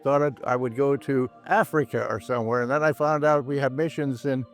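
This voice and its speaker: A man's voice: medium pitch, fairly even intonation, a little fast, faint music behind. An older man, a priest and professor, giving a reflective, plain-spoken personal testimony, repeating phrases for emphasis.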